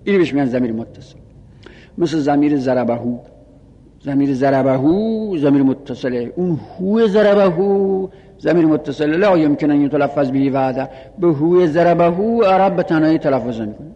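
A man teaching Arabic grammar in a seminary-style lesson, repeating each rule slowly and reciting Arabic phrases and pronoun lists. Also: on the high side, dark tone, in a large hall, muffled recording.

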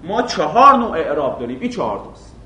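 A man's voice: fairly high pitch, big pitch swings, bright, forceful tone, distant mic. Man lecturing in a very echoey room. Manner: asks the class questions and answers them himself; stretches out example words slowly. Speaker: Arabic grammar teacher. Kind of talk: classroom lecture.

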